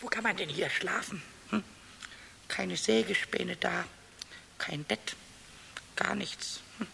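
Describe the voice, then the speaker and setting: Pumuckl, creaky-voiced little kobold. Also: male voice, sits high, takes it slowly, bright, forceful tone, exaggerated voice. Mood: sleepy, grumbling. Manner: childish, repeats words, sighs and exclaims. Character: cheeky little kobold, childish, easily offended, defiant. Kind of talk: 1970s children's radio play acting. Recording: faint hiss, 1970s radio recording.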